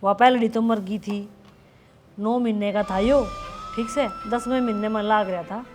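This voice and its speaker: A woman's voice: medium pitch, steady tone, measured pace, darkish tone, faint music behind, lightly acted. A woman playing a resentful, self-pitying wicked stepmother with a Haryanvi accent in a village family drama. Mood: bitter grumbling. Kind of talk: web serial family drama acting.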